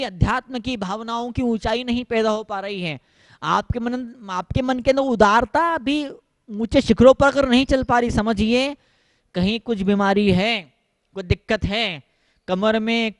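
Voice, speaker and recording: A man's voice: very high voice, no echo. A man, a Jain monk, giving a sermon in an emphatic, repetitive way, now and then slipping into English phrases.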